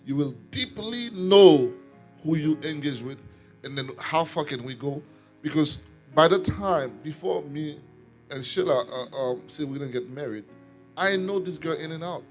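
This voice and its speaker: A male minister speaks earnestly as he shares a personal testimony, doubling back on his words as he goes. His voice sits a little high for a man. Faint instrumental music plays beneath him. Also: animated, normal speed. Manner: earnest storytelling with repeated words. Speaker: apostle and minister.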